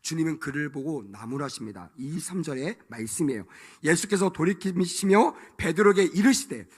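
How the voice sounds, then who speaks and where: A man's voice: fairly high pitch, expressive, moderate pace, breathy edge. A male pastor preaching a sermon to young adults, emphatic, acting out quoted voices and calling for amens.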